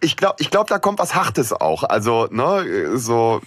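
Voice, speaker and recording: A man's voice: medium pitch, wildly swooping pitch, measured pace, fairly bright tone, husky, no echo. A man co-hosting a casual podcast chat, hesitant and full of fillers and restarts. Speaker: podcast co-host.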